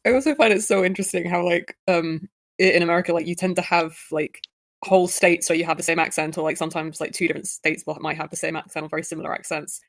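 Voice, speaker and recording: Chatting casually and rambling with plenty of fillers, a young Southern English-accented woman from Guildford, England, who is a player, talks at a quick pace. Her lowish voice is gravelly, with fairly even intonation and no echo.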